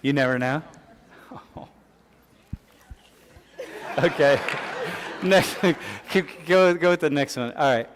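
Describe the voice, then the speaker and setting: A fairly high-pitched male professor lectures slowly with long pauses, casual and conversational, full of fillers and restarts, taking student questions. Some chatter and slight background noise come through, and the large lecture hall adds long reverb.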